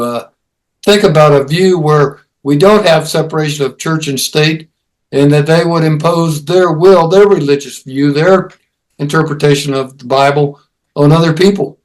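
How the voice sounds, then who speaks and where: A man's voice: a little high, moderate pace, rough recording. Hesitant man hosting a meeting. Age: older. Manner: hesitant, many fillers. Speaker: meeting host.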